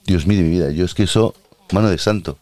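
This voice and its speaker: Crude, rambling low-voiced man. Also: fast, darkish tone, dry recording. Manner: crude, rambling, self-mocking. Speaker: host. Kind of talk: comic personal monologue.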